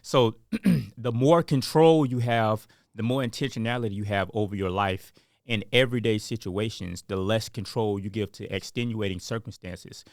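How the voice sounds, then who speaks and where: A man's voice: fairly low pitch, fairly even intonation, normal speed, no room sound, studio quality. A man co-hosting a podcast in casual chat, rambling and filling his talk with "like" and "um". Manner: rambling, heavy on fillers like "like" and "um". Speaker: podcast co-host.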